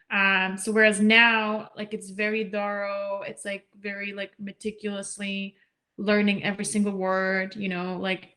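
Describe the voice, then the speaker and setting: A young woman chatting as an interview guest, talking casually and animatedly with many fillers. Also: mid-range voice. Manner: chatty, animated, heavy use of "like", acts out quoted voices. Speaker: interview guest, scholarship recipient.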